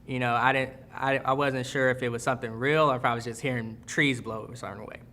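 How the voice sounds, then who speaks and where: A news cameraman telling, in a halting and reflective way, how he waded into floodwater. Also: medium pitch, steady tone, pushed and bright. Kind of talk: recounting in a documentary interview.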